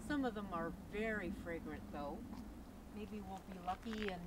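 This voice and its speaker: A middle-aged woman chats casually as she walks through a garden, admiring what she sees and pausing on fillers. Her voice is picked up by a camera mic outdoors, with clear background noise. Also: medium pitch. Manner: admiring, gentle, with many fillers. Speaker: garden tour guide. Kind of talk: casual walking tour chat. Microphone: camera held by companion.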